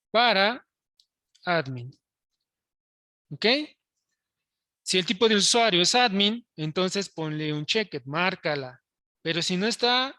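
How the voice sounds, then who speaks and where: A man's voice: sits high, bright, forceful tone, no room sound, clean studio sound. A man teaching a programming class, explaining code step by step and often checking in with his students. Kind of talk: live coding lesson to students.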